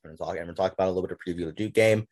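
A man's voice: low voice, fairly even intonation, very fast, a little mellow. A man hosting a casual sports podcast, talking loosely and sarcastically, with frequent restarts. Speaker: podcast host. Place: at home with a game on TV.

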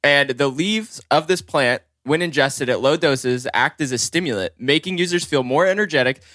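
A man's voice: on the high side, moderate pace, a bit bright, no room sound, clean studio sound. Loose, laughing podcast host man. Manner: loose, swearing, laughs while talking. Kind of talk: casual podcast chat. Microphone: close studio mic with headphones.

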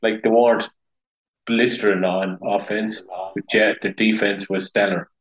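A man with a lower voice hosts a laid-back sports podcast, keeping his replies short and steering toward the next topic. He sounds roomy and slightly dull, like he is calling in over the internet. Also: fairly even intonation, measured pace. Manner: brief, agreeable, steers the segments. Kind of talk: casual sports chat. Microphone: remote call over the internet. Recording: muffled, echoey internet call audio.

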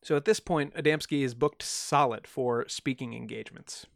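In a creaky mid-range voice at normal speed, a man co-hosting a podcast tells a strange story in a wry, joking style, full of fillers. The studio sound is clean, with no room sound.

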